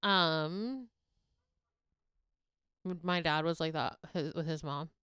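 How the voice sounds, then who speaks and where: A woman's voice: low-pitched, slow pace, fairly bright tone, clear, resonant tone, dry recording, studio quality. A middle-aged woman co-hosting a podcast in casual chat, blunt and frank and happy to swear. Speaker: podcast co-host, mother of the other host.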